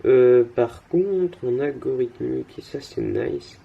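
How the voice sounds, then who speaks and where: A man's voice: medium pitch, takes it slowly, creaky, husky, lo-fi sound. A young man casually commenting on his card game as he plays, thinking aloud with lots of fillers and restarts, tired and yawning.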